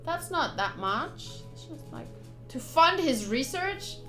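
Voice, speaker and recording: This game streamer, a young woman, talks slowly in a high-sitting voice with music behind her. She performs the game's text expressively and breaks off now and then for chatty side comments as she plays.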